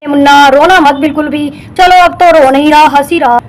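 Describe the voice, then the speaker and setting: A woman's voice: high-pitched, steady tone, moderate pace, a little hiss or hum, lightly acted. A woman doing a fussy village uncle. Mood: coaxing. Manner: fussy, exclaiming, grumbling. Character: flustered young village uncle, a man.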